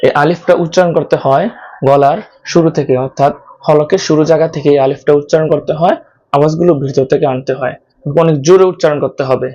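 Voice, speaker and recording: A man from Bangladesh teaching an online Quran lesson, slowly explaining how to pronounce each Arabic letter and repeating each sound many times. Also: a little high, steady tone, mellow, dull audio.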